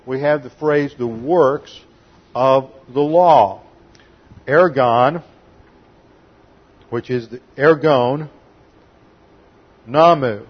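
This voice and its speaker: A man preaching an expository Bible teaching sermon, explaining terms in a deliberate teaching tone and slowing down to stress key words. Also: medium pitch, slightly rough, lo-fi sound. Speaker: pastor.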